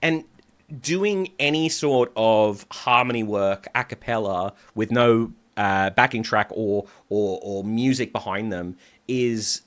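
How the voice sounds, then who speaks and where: A man hosting a music reaction as a vocal coach. His voice sits at a middle pitch. He talks in a chatty way and picks apart the harmonies and vocal layers as he goes. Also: a bit bright. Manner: chatty and analytical, breaking down harmonies.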